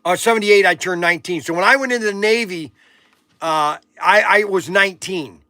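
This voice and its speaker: This livestream auction host, a man in his sixties, has a high, sharp voice at a normal pace with no echo. He keeps things casual, reading out viewer comments while rambling and cracking jokes.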